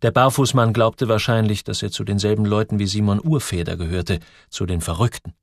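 A man narrating an audiobook in an expressive reading voice. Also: on the low side, brisk, vocal fry, no echo, studio quality.

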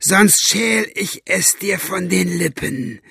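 A man's voice: sits high, normal speed, vocal fry, sharp tone, slightly rough, no echo, studio quality, pitched above the performer's own voice, heavily acted. A man voicing a vicious male henchman behind bars, shrieking insults and threats. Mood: snarling.

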